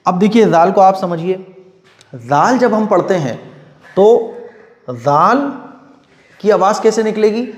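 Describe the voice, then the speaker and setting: A middle-aged man teaching Quran reading, patiently repeating and drawing out each letter sound in a step-by-step lesson. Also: sits high. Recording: echoey room with long reverb.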